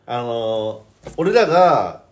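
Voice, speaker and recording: A man co-hosting a casual podcast chat, giving quick backchannels and teasing reactions. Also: mid-range voice, sing-song. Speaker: podcast co-host.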